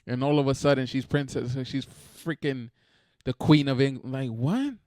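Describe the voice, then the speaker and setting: A man's voice: mid-range voice, fairly even intonation, moderate pace, darkish tone, dry recording, clean studio sound. A man hosting a reaction video, talking in a blunt, profane, exasperated casual rant.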